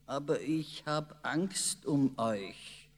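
A man voicing a lively, cheeky young girl who talks in an insistent, know-it-all way. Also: a little high, drawn-out words, a little hiss or hum, pitched above the performer's own voice. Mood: quiet. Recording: long reverb.

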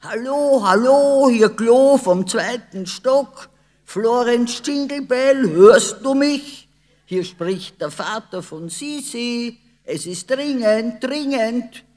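Male reader as a rowdy joker father, loud and high, reverby. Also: very animated, slow pace, few pauses, full character voice. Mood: bellowing. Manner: loud, teasing, boisterous. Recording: long reverb.

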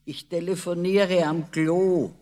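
A man voicing a lively, cheeky young girl who talks in an insistent, know-it-all way. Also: high-pitched, takes it slowly, voice pushed up. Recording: long reverb.

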